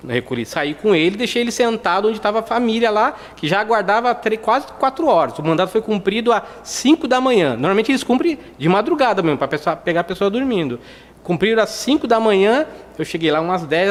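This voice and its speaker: A man's voice: sits high, very animated, fairly quick. A man lecturing as a criminal defense lawyer, conversational and full of "né?" tags as he acts out little dialogues. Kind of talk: lecture with anecdotes. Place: lecture hall. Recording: long hall reverb.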